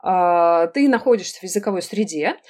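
A woman guest on a podcast, explaining at length in a thoughtful, halting way with many fillers and pauses. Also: fairly low pitch, animated, a little mellow. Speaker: writer and literary editor, podcast guest. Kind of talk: conversational podcast interview.

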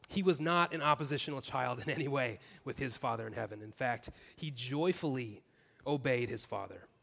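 A man's voice: mid-range voice, moderate pace, vocal fry, a bit bright, in a large hall. A man preaching a sermon as pastor, earnest, building his points in repeated clauses. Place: church.

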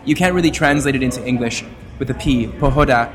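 A man from Canada, a journalist and podcaster, talking at length as an interview guest, with a wordy, expressive manner that plays with his voice. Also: medium pitch, fast talker. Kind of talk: casual interview talk.

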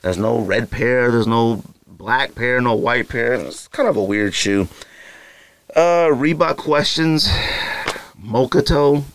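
Talking slowly in a mid-range voice, a young podcast host rambles casually on his own show, dropping in many fillers and asides.

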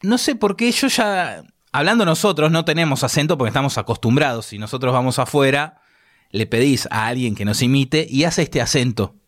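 A man's voice: medium pitch, fairly quick. Rambling Argentine man, casual podcast chat. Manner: rambling, restarts phrases often. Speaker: podcast co-host.

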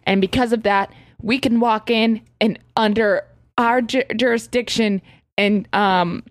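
A woman's voice: on the high side, fairly even intonation, measured pace, no room sound, studio quality. A woman playing a tabletop role-playing game, describing scenes and reasoning earnestly. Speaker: player. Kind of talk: casual tabletop game play.

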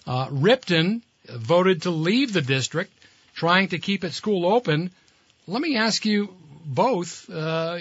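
A man's voice: on the high side, a bit bright, breathy edge, no echo. A man hosting a live radio talk show, reading sponsor messages and questioning guests in a conversational way. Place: radio studio. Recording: slightly dull studio broadcast.

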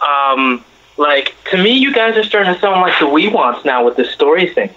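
A man's voice: fairly high pitch, expressive, moderate pace, sharp tone. A man calling into a talk show over the phone, chatting casually and rambling with lots of fillers. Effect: heard over the phone. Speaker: caller. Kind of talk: casual call-in chat. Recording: dull lo-fi phone line.

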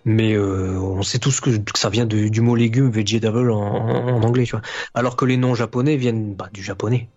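A man's voice: on the low side, fairly even intonation, normal speed, darkish tone. A man speaking as a podcast guest, explaining his views at length with frequent fillers and restarts. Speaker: guest YouTuber analysing anime. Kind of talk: casual podcast discussion. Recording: dull lo-fi recording.

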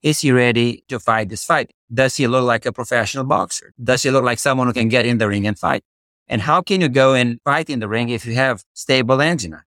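A middle-aged man with a Romanian accent speaks with conviction, stacking rhetorical questions and vivid analogies. His voice sits at a middling pitch, and the recording is close and dry with no room sound. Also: brisk, a bit bright, no room sound. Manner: passionate, uses boxing analogies, rhetorical questions. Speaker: guest cardiologist. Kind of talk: podcast interview, expert explanation.

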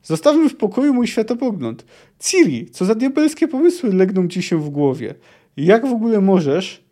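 A man's voice: high voice, very animated, normal speed, mellow, pitched above the performer's own voice. A man voicing a stern old male scholar who lectures sarcastically, read aloud from a fantasy novel. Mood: stern lecturing.

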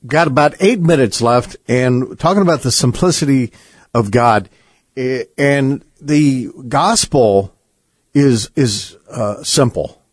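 Mid-pitched male radio host, halting. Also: no echo. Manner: conversational, halting, with many fillers.

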